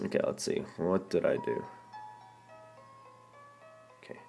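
A man's voice: rumbling low, measured pace, gravelly, a little mellow, soft background music. A young man casually walking through a phone game as an app reviewer, enthusiastic and rambling, with many ums and restarts. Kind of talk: casual gameplay walkthrough. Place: indoor room, filming a phone screen.

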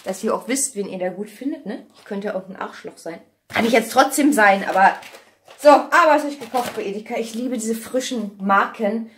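A vlogger with a fairly high voice chats casually at a normal pace, thinking aloud to a phone held at arm's length in her home kitchen. The handheld recording is noisy and has clicks.

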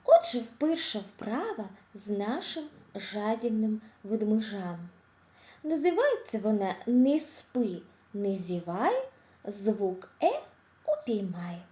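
A Ukrainian-accented woman speech therapist talks slowly and with a soft, mellow voice, set a little high. She encourages the children warmly and draws out each vowel with care. The room gives her voice a clear echo. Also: sing-song. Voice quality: articulates sounds with care, drawn-out vowels. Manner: cheerful, encouraging, praising; drops to a whisper to show quiet sounds. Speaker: speech therapist teaching preschoolers. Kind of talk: slow, clear recorded lesson for children.

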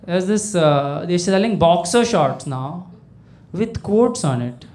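A man's voice: high-pitched, animated, takes it slowly. A young man performing a stand-up comedy set on a small club stage, talking into a handheld mic and acting out the people he quotes in a conversational way. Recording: live club recording with loud audience laughter. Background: audience laughter.

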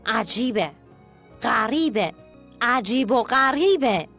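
A woman voicing a greedy male wolf in a children's cartoon story, grumbling in a low, complaining tone. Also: lively intonation, fairly bright tone, faint music behind. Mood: puzzled.

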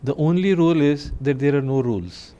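A man hosting a TV interview, asking questions in a measured, hesitant way with many fillers. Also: on the high side, animated, dark tone, muffled recording. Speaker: talk show host. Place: TV studio.

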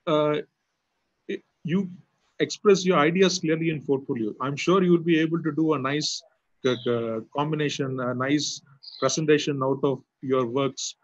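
A man, answering questions in a webinar as an architecture lecturer, pausing often with fillers and restarts. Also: a little high, dry recording. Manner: hesitant, many fillers and restarts. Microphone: video call mic. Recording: muffled lo-fi webinar audio.

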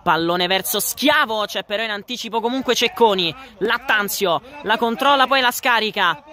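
A man giving excitable, breathless live football commentary. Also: high voice, normal speed. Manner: excitable, breathless running goal-action commentary. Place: outdoor floodlit football ground at night.

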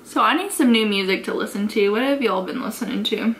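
A woman's voice: medium pitch, brisk, fairly bright tone, slight background noise. An American woman in her twenties chatting casually through a makeup tutorial, giggly drunk, rambling and swearing freely. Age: 20s. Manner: sweary, unfiltered. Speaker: beauty vlogger. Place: carpeted bedroom, indoors.

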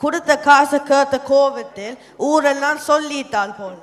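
A fussy, nagging mother from an amateur stage play, played by a young actor. She chides her family in a Sri Lankan Tamil accent, and the voice is fairly high. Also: normal speed, fairly bright tone. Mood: fussing. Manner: chiding, fussing.

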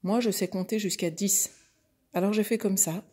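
A clever little goat from a storybook who counts everyone in a playful chant. A woman plays her in a gentle, mellow, slightly breathy voice. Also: mid-range voice, steady tone, normal speed, close to an everyday voice. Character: clever cheeky little female goat kid.

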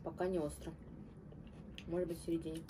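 A woman's voice: lowish voice, little pitch movement, fast. A woman hosting an eating video, talking with her mouth full and chewing, humming appreciatively between short remarks. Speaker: mukbang host. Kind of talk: casual eating chat. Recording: distant mic with background noise.

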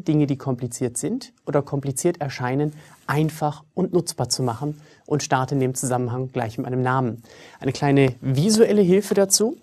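Wry, lively man giving a studio lecture. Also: on the high side. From Germany. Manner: lively, wry, self-ironic. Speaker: trainer. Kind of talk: scripted video lecture. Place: studio with a virtual library backdrop.

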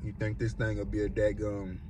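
A man doing a casual food review, chatty and relaxed, repeating himself and chuckling often. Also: on the low side, fairly quick, a little hiss or hum. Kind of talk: casual product review vlog.

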